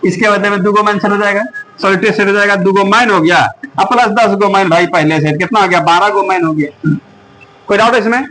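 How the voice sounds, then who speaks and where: A man's voice: high voice, a little fast, fairly bright tone, slight background noise, rough recording. A man teaching a classroom math lesson, often stopping to ask the students whether they follow. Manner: coaxing, keeps asking the class if it is clear. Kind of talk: classroom lecture.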